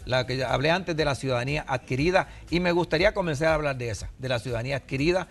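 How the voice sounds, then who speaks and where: A man's voice: on the high side, racing. A Puerto Rican man in his sixties, an immigration adviser on a TV interview, explaining patiently with examples. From Puerto Rico.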